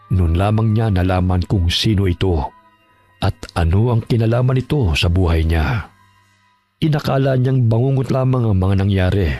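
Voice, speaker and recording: A man narrating a horror story in a measured, scripted storytelling voice. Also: lowish voice, darkish tone.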